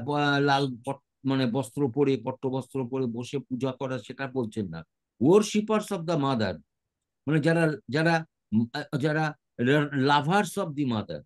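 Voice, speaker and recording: A man with a Bengali accent teaching an English lesson, reading lines slowly, then explaining and spelling words letter by letter. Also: on the high side.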